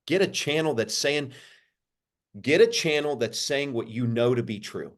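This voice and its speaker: A man's voice: lively intonation, moderate pace. Pastor guy on a podcast, mid voice, preachy rhythm, keeps repeating lines and climbing up for emphasis. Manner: preacherly, repeats phrases, rises in pitch for emphasis. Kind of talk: sermon-like interview answers.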